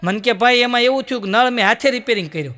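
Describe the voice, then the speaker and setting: High bright-voiced comedian, hall echo. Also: male voice, very fast. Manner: lively storyteller acting out dialogue, laughing between jokes. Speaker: stand-up comedian. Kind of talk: Gujarati joke-telling stage show. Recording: long hall reverb.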